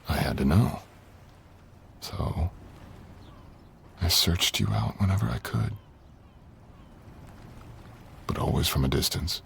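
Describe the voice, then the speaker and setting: In an intimate fantasy audio roleplay, a man fully voices a brooding dragon lord, speaking slowly and deliberately in formal, storybook language. His extremely deep voice is gravelly, husky, and often breathy, and the mood is tender, seductive, and confessional. Slight background noise can be heard.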